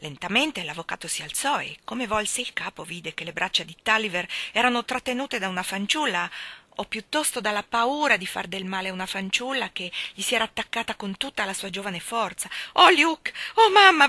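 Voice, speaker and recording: A woman with an Italian accent reading a classic novel aloud, in an expressive, dramatic way. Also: mid-range voice, a little fast, no echo. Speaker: audiobook reader. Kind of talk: literary audiobook narration.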